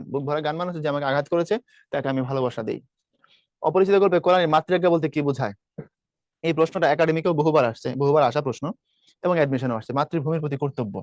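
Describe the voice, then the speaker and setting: A quick-talking man from Bangladesh running an exam prep lesson, his voice sitting a little high. He fires rhetorical questions at his students between answers, recorded close and dry with no room sound. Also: dry recording.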